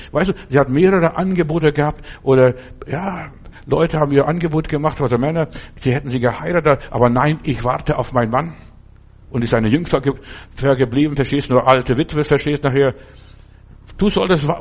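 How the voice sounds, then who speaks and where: An older man, a pastor giving a sermon in an emphatic, repetitive style with conversational asides. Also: fairly high pitch. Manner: emphatic, repetitive preaching with rising outbursts.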